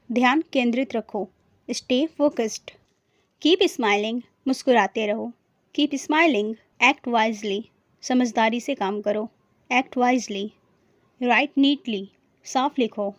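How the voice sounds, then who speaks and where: A young woman teaching an English lesson, reading each short phrase slowly and then repeating it. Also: on the high side, dry recording, dull audio. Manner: slow, deliberate repetition of short phrases.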